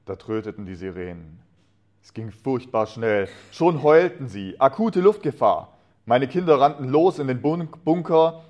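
A man giving a sermon to a congregation. He reads a story aloud expressively and talks earnestly, often trailing off softly at the ends of phrases. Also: medium pitch, lo-fi sound. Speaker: preacher.

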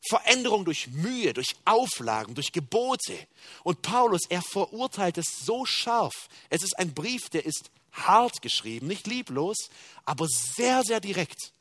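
A male preacher delivers a sermon with a lively, swooping voice that ranges from near-whispered confession to ringing emphasis. His voice sits a touch high for a man. The recording is close and dry, with no room sound. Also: measured pace, no room sound. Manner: dramatic swings between hushed confessional tones and loud emphatic preaching.

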